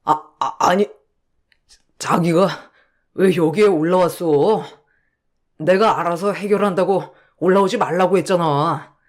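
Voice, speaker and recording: A woman voicing a flustered, evasive husband who stammers out placating excuses in a lowered voice. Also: a little slow, long pauses.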